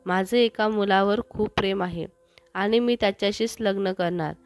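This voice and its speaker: A woman's voice: medium pitch, normal speed, no room sound, soft background music, close to an everyday voice. A woman voicing a shy young woman who speaks in a hesitant, pleading way in a storybook.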